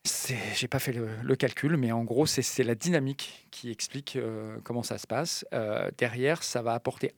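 Male expert guest, gravelly voice, dry close sound, lively explaining with frequent restarts. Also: medium pitch, moderate pace, few pauses, no room sound. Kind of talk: radio science interview.

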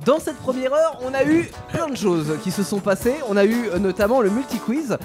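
Young male radio host, high voice, jokey studio banter, faint music underneath. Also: expressive, a little fast. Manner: jokey, laughs often, talks to listeners.

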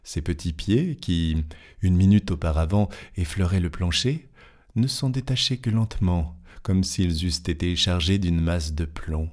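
A man reading a classic fantastic tale aloud in a measured, expressive way, lingering over descriptions. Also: low voice. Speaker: narrator.

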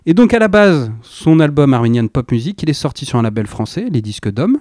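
Chatty, dark-voiced male radio host. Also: medium pitch, big pitch swings, fairly quick, no echo, studio quality. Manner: chatty and enthusiastic, with laughing asides and slangy phrasing. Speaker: radio music show host. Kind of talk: casual chat presenting records.

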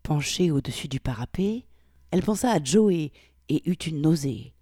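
A woman narrating a novel aloud in a measured storytelling manner. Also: deep voice, expressive, warm tone, slightly rough, no room sound, clean studio sound. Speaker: audiobook reader. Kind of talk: scripted narration.

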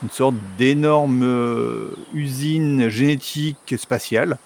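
A man's voice: mid-range voice, steady tone, takes it slowly, creaky, a little mellow, slight background noise. A man co-hosting a podcast in casual chat, explaining things in a chatty way with fillers. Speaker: podcast co-host.

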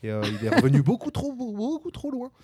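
A man co-hosting a casual podcast chat, relaxed and laughing easily. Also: extremely high pitch, a little fast, breathy edge, dry recording. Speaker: podcast co-host.

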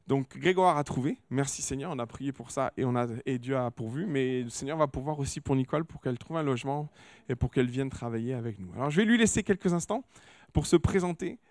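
A man's voice: medium pitch, quick pace, no echo. Hesitant male pastor giving announcements. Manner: warm, hesitant, many fillers and restarts. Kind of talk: church service announcements. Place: church hall.

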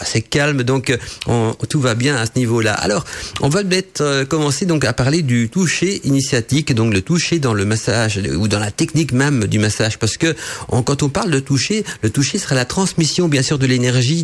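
A man with a nasal, slightly hoarse voice from a head cold, hosting a radio talk in a hesitant, explanatory way. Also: medium pitch. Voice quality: nasal, congested voice. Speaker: radio show host.

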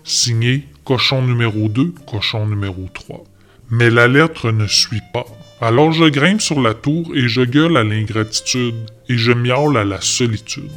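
Guy doing a shouty bitter neighbor, rants and rants, bit of guitar behind. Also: medium pitch, a little slow, natural voice. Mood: ranting. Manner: shouting, harangues. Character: loud ranting male upstairs neighbor, bitter and self-pitying.

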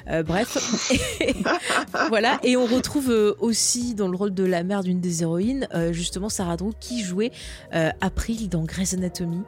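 A woman's voice: medium pitch, a little slow. A woman co-hosting a casual podcast, chatty and enthusiastic as she recommends a show. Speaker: podcast co-host. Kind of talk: casual chat.

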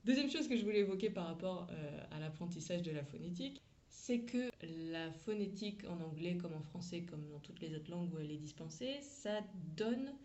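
A woman's voice: lowish voice, animated, fairly quick, a little mellow. A woman who teaches English, talking through a lesson in a chatty, frank way with slang and asides. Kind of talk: casual teaching monologue.

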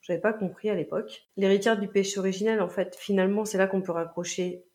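A woman's voice: mid-range voice, fairly even intonation, fast talker, darkish tone. A woman co-hosting a casual French chat about a song, explaining its lyrics at length in a frank, joking way. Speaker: podcast co-host.

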